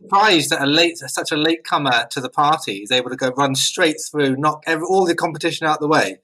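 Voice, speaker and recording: A man's voice: fairly high pitch, fairly quick, pushed and bright, poor audio. A man co-hosting a casual podcast chat, making wry joking asides. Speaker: podcast co-host.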